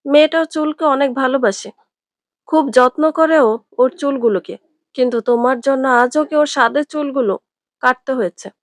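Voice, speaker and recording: A woman's voice: high voice, moderate pace, dry recording, studio quality, close to an everyday voice. A woman voicing a young woman who scolds her cousin in a reproachful tone.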